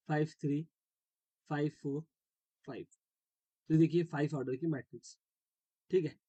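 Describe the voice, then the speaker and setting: A man lectures a math class with a slightly high, mellow voice. He walks through each step and keeps checking that his students follow. The sound is dry and close. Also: dry recording. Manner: explains step by step, checks understanding often; mixes English terms into Hindi. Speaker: math teacher.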